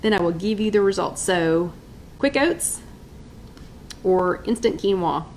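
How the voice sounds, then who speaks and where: A woman's voice: mid-range voice, expressive, a little slow, darkish tone, slight background noise, poor audio. A middle-aged woman hosting a casual live stream from her kitchen, chatting and reading viewers' votes aloud. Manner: chatty, upbeat, reads out viewer names and votes. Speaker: host of a live weight-loss chat.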